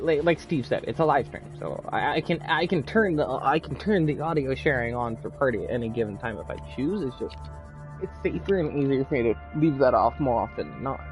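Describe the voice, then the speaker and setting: A man with a medium-pitched voice streams a game and chats casually with his party friends, often stammering, repeating words and using lots of fillers. The audio quality is poor.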